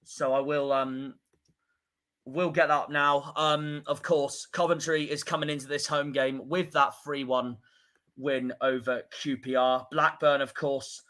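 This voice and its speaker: A man's voice: medium pitch, little pitch movement, measured pace, fairly bright tone. A young man hosting a casual football fan stream, talking loosely with lots of filler. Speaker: host. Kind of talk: football fan podcast chat.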